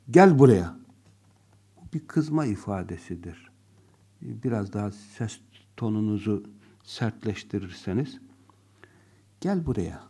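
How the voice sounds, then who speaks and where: Male teacher, slow deliberate delivery, mellow dark tone, acts out examples. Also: medium pitch. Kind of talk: classroom lesson.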